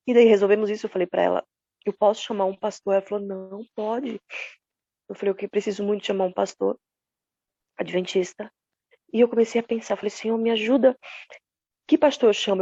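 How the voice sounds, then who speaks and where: Grieving woman testifying at church, earnest, gravelly and husky, dull lo-fi line. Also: mid-range voice, mellow, no room sound. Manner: earnest, retelling dialogue with quoted prayers. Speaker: church member giving a testimony. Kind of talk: emotional personal testimony.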